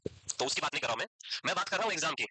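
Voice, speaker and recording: Fast, bright-voiced male tutor. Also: a little high, lively intonation, husky, no room sound, poor audio. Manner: chatty, reassuring, tells anecdotes and mimics students. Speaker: nursing exam tutor. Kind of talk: casual Hindi lecture.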